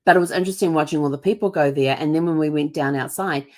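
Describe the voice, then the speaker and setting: A low-voiced, fast-talking woman, middle-aged and from New Zealand, hosts casual travel storytelling. Her accent is part Kiwi, part American. She chats and rambles, often saying um and restarting, and does voices when quoting others.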